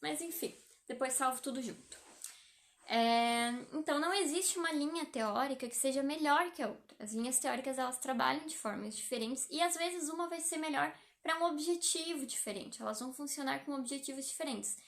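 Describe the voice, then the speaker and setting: A young Brazilian psychologist speaks on a live stream in a high, brisk voice. She chats casually and explains things with a Brazilian Portuguese accent, filling her talk with lots of fillers.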